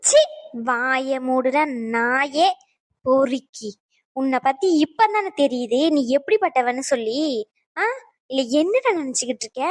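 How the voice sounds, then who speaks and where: A woman's voice: high voice, measured pace, dry recording, clean studio sound. A woman voicing a scolding, insulting middle-aged aunt in a cartoon drama. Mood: contemptuous. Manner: insulting, shouting, wailing.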